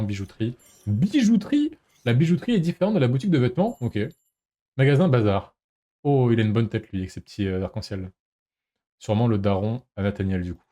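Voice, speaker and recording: A young man giving casual, animated commentary while streaming a game, often exclaiming and talking to himself. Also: on the low side.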